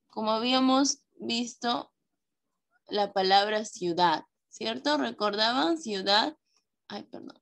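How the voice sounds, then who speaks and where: A woman teacher giving a class, patient and warm with her pupils, often checking that they follow and slowly stressing key words. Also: a little high. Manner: patient, with frequent checks for understanding; affectionate diminutives, slow stressing of key words. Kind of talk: online class lesson.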